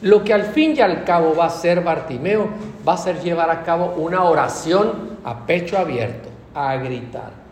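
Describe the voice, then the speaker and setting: A man's voice: fairly high pitch, normal speed, echoey room, slight background noise. A man with a Mexican Spanish accent preaching a sermon, often asking his listeners questions. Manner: animated, asks the congregation questions.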